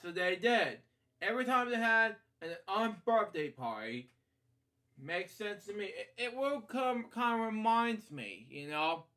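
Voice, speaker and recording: A man with a markedly high voice tells a bedtime story from a picture book, very animated, bright and forceful. He halts and rambles, often wandering into off-the-cuff commentary and then returning to the story.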